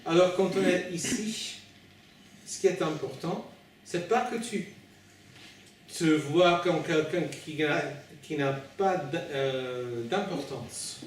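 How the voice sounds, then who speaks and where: A male preacher with a foreign accent in French speaks from some way off in a very reverberant room. His delivery is slow and halting, with hesitations and repeated words, as he gives an informal, pastoral sermon straight to his listeners. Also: on the high side. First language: not French. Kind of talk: informal sermon at an evening meeting. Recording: very echoey room, distant mic, faint noise.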